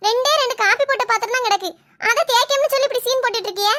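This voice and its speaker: A wronged young wife, as a woman puts her on, fires back in a shrill, piercing voice. She talks fast and sarcastically, and her high, bright tone never lets up. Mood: indignant. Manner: shrill, indignant, quick, sarcastic. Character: sharp-tongued young wife who feels wronged.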